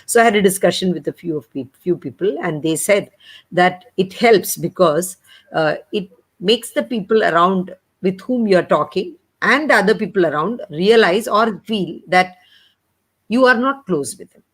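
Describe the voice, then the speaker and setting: A woman's voice: on the low side, expressive, normal speed, husky. A woman with an Indian accent, explaining her views in a casual panel discussion. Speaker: coach.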